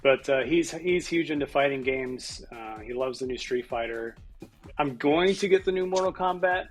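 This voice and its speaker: A man's voice: mid-range voice, moderate pace, faint music behind. A man in his thirties or forties chatting casually on a podcast, rambling with many fillers and laughing often. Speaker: podcast co-host. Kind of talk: casual chat.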